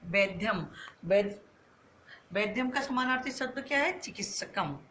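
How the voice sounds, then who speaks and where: A woman teaching a school class, her voice bright and clear. She poses a question and answers it herself, slowly drawing out each key word. A faint hiss sits under the recording. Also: medium pitch, animated. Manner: asks questions and answers them herself, drawn-out words. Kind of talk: online class lesson.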